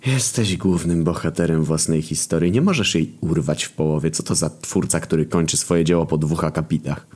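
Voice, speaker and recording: A man voicing a skeletal male ferryman of the dead who talks calmly, dryly and bluntly. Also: extremely low pitch, normal speed, few pauses, husky.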